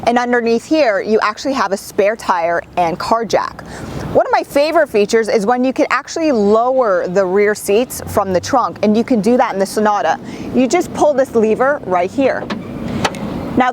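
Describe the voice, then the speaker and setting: A woman's voice: mid-range voice, a little hiss or hum. A woman reviewing a car, chatty and enthusiastic as she walks through its features. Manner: chatty, enthusiastic, with little laughs. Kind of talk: upbeat car review walkthrough.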